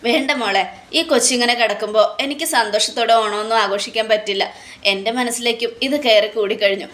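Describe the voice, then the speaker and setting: A woman reading the lines of a kindly, devoted middle-aged housemaid who talks gently and affectionately. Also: fairly high pitch, steady tone, fast, natural voice. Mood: tender.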